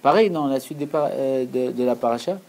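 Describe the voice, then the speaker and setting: A man's voice: mid-range voice, fairly quick, darkish tone, low-quality recording. A man giving an earnest, explanatory Torah lesson, repeating key phrases for emphasis. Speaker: Torah teacher.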